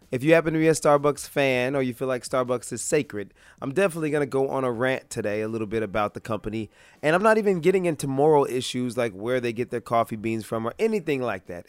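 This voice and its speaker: Slightly hoarse American man on a sarcastic rant. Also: medium pitch, no room sound. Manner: sarcastic, mock-exasperated. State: hoarse, under the weather from being sick. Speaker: vlog host. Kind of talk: comedic rant to an audience.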